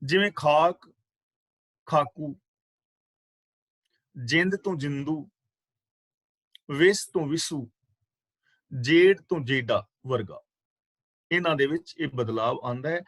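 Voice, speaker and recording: A man's voice: a little high, fairly bright tone, no room sound. Man teaching scripture in a dry, close voice. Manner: measured, patient explaining, repeating key words. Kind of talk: scripture exposition class. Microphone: video call microphone.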